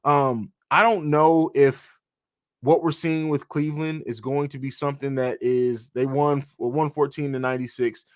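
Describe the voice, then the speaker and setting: A man in his own home setup hosts a live stream, reading out viewer questions and answering them in a loose, conversational way. His voice sits at a middle pitch. The sound is dry and close, with no room echo. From grew up in Italy and Germany. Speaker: podcast host. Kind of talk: casual live-stream chat.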